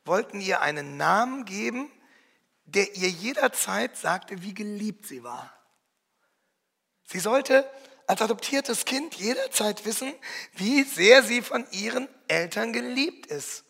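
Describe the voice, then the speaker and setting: A male preacher with a high, bright voice and a gravelly edge to it. He delivers his sermon dramatically, rising to loud, ringing calls and dropping to hushed endings. The sound carries the long reverb of a large church hall.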